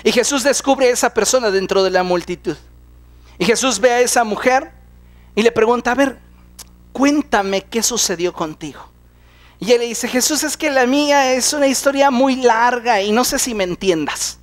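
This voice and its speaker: High-voiced preacher acting out Bible scenes. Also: male voice, normal speed. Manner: dramatic storytelling, acting out characters' voices. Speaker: pastor. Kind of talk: sermon.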